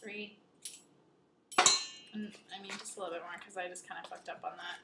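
A woman's voice: lowish voice, fairly even intonation, a little fast. A woman chatting casually as she hosts a home baking video, rambling in a giggly, tipsy drunk way in a kitchen. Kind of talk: casual chat while cooking. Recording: echoey room with clear background noise.

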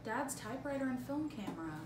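A young woman, a student scriptwriter and amateur reader, performs a dramatic script read-through at home, playing a daughter. Her fairly high voice is animated and quick. A camera a few feet away picks her up, giving a distant, echoey room sound with clear noise.

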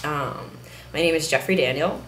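A young man talking candidly to camera in a casual video diary, unhurried and soft-spoken. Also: fairly high pitch. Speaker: vlogger. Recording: roomy with faint background hiss.

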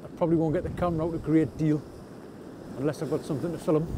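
A quick-paced angler vlogger from North East England, his voice on the high side with fairly even intonation, casually narrates fishing from rocks on a rainy, windy night. He comes across as chatty and self-deprecating, with low-key humour. Outdoor camera audio, faint wind in the background.

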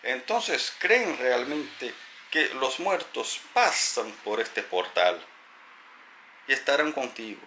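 A man speaking gently and thoughtfully as a teacher, easing into a story with a lively, rising and falling delivery. His tone is bright and clear. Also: mid-range voice, slow, slight background noise. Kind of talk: reflective spoken talk to camera.

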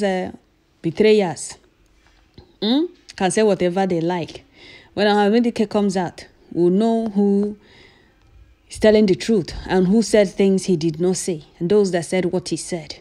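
A woman's voice: mid-range voice, mellow. A Nigerian woman giving emphatic, repetitive news commentary as an activist over event footage.

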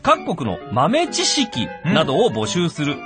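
A man's voice: fairly high pitch, unhurried, over music. A man co-hosting a radio show, chatting casually and acting out stories with mocking put-on voices. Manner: animated, puts on mocking voices while telling stories.

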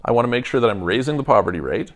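A man's voice: medium pitch, expressive, racing. A man in his thirties, co-hosting a podcast in casual debate, reasoning thoughtfully in steps with frequent restarts, on a lapel mic in a studio lounge. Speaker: podcast co-host. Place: studio lounge set with armchairs.

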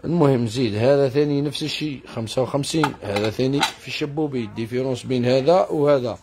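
A man with an Algerian Arabic accent giving a live sales pitch in his kitchenware shop, listing items and prices and addressing viewers as madam. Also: quick pace. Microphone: phone livestream. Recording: noisy shop with clattering dishes.

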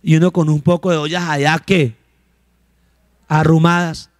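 Pastor preaching, high and close. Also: male voice, flat delivery, moderate pace, dry recording. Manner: preaches with call-and-response questions, acting out little dialogues. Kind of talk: sermon.

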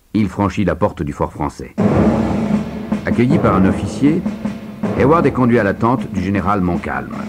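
A man narrating an adventure audio story in a lively, dramatic way. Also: sits low. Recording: loud music underneath.

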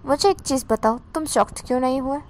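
A woman voicing a confident, protective young man who teases and questions gently. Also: sits high, quick pace, slight background noise, close to an everyday voice. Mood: teasing.

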